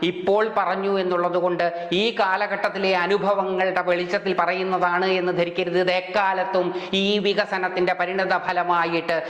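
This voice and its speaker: Older man with a Kerala Malayalam accent, spiritual orator, deliberate pauses, high-ish voice, roomy echo. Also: completely flat delivery, fairly bright tone, lo-fi sound. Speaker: spiritual speaker. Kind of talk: religious discourse. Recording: echoey hall.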